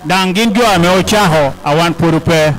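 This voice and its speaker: A man interprets a podium speech in a high voice. He relays it aloud, one short phrase at a time. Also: moderate pace, fairly bright tone, poor audio. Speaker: consecutive interpreter at a ceremony.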